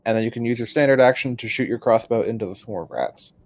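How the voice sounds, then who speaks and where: A man's voice: mid-range voice, fast, darkish tone. A man running a tabletop game as game master, rambling and correcting himself as he explains the rules. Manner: rambling, self-correcting, chuckles often.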